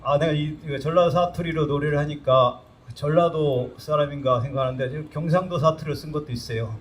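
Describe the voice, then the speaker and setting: High-voiced man joking between songs. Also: fairly quick. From Seoul, South Korea. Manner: joking, chatty, drills the crowd in call-and-response chants. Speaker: labor singer performing at a rally. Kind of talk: live stage banter and chant leading. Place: outdoor public square at a rally. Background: loud band music.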